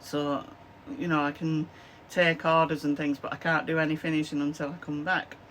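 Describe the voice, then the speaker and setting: Sitting close to a camera at her desk in a small craft room, a chatty fifty-something vlogger from Lancashire, England, rambles casually to camera with many "um, so yeah" fillers. Her voice is deep, hoarse and flat yet fairly bright in tone, at a normal speed, with a Lancashire accent and a chesty cough. The audio is poor, with a little hiss or hum.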